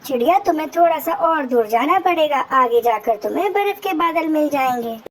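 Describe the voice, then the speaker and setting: A woman's voice: high voice, expressive, normal speed, slight background noise. A woman voicing a helpful male crow in a cartoon, matter-of-fact.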